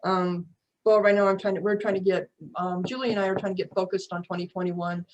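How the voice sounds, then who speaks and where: A woman's voice: mid-range voice, fairly even intonation, fairly quick, a little hiss or hum, poor audio. A woman chatting informally as an author guest on a podcast. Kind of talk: casual chat.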